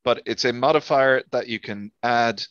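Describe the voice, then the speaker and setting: An Irish man with a wry, self-deprecating manner, explaining his own slang in a relaxed chat as a guest. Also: mid-range voice, normal speed, smooth, dry recording. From Ireland. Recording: dull dry lo-fi audio.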